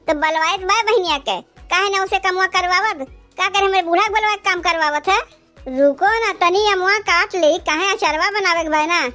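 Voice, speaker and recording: A woman's voice: very high voice, pushed and bright. A woman voicing quarrelsome young village daughters-in-law with an Awadhi accent, taunting and bickering.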